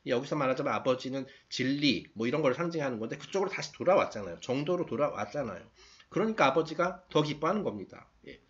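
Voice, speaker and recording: A man with a mid-range voice talks through a text in a relaxed, explanatory way. He reads passages aloud and restates them in plain words, often checking in with his listeners. The recording sounds dull and lo-fi. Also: mid-range voice, fast talker. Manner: reads passages aloud, then paraphrases them with frequent tag questions. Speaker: lecturer reading and explaining a text. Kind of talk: casual explanatory talk.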